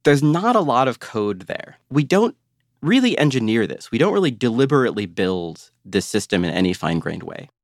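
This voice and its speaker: A man's voice: medium pitch, sing-song, normal speed, dry recording, studio quality. A man speaking as an interviewed researcher, explaining in plain conversational terms. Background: guitar music.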